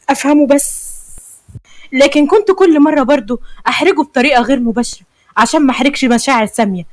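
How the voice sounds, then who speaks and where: A woman's voice: high-pitched, darkish tone, no echo. A woman with an Egyptian accent narrating a dramatic first-person story in an emotional, anxious manner. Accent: Egyptian Arabic.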